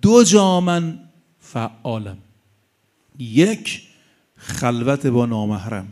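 A man's voice: mid-range voice, big pitch swings, mellow, pitched below the performer's own voice, close to an everyday voice. A man preaching a sermon voices Satan as a scheming spirit who coaxes and pleads. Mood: coaxing. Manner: wheedling, cajoling.

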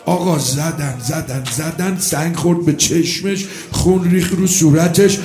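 A man narrating a mourning sermon dramatically, dropping to a hush and rising to shouts and chanting. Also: fairly high pitch. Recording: echoey hall with faint music.

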